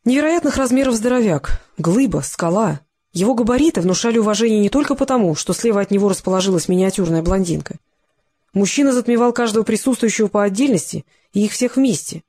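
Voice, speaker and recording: A narrator reads a novel aloud at a steady, descriptive pace. The voice sits at a middling pitch, with nothing unusual about its tone. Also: quick pace. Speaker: audiobook narrator. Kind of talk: scripted narration.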